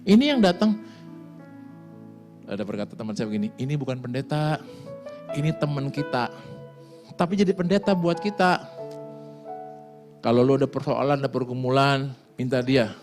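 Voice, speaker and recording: A middle-aged male pastor giving a lively sermon, telling stories and swinging between quiet asides and loud exclamations. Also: mid-range voice. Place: church.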